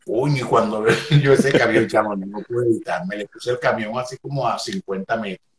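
A Venezuelan man telling a comic anecdote in an animated way, acting out shrieks and laughing often. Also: fairly low pitch, brisk, crowd noise. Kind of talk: animated storytelling. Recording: echoey room, faint noise.

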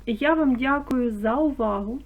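Woman teacher explaining phonetics clearly. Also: high voice. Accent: Ukrainian. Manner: clear, deliberate, stressing key terms. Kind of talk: explanatory school lesson.

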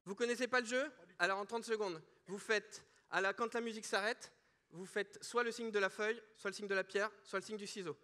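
A man hosting a prize draw live on a large stage, playful and animated like a game show host. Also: sits high, brisk. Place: large conference hall stage, indoors.

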